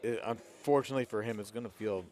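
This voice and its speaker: A man's voice: fairly low pitch, quick pace, a loud crowd. A man giving casual live golf commentary, talking conversationally through a tournament shot by shot.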